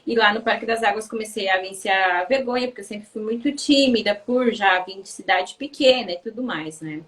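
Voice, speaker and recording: Woman, thirties, soft-spoken, casual interview chat, set back from the microphone. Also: medium pitch, a little fast, distant mic, poor audio. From Paraná, Brazil. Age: 30s. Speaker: guest.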